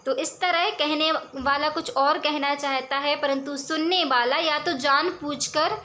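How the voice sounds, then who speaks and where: A woman teaching a lesson on poetry, her voice high and bright. She reads each verse slowly, then explains it in a patient, steady way. Her manner is clear and instructive.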